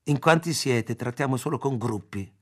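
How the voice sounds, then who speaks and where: A man reading aloud as a brusque, rude middle-aged male travel agent, talking curtly and loudly. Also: mid-range voice, moderate pace, close to an everyday voice. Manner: curt, loud, dismissive.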